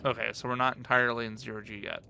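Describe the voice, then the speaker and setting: Bright-voiced man narrating a game. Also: mid-range voice, flat delivery, rapid-fire, creaky, a little hiss or hum. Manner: curious, thinking aloud, enthusiastic. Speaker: gaming channel host. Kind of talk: casual let's-play commentary.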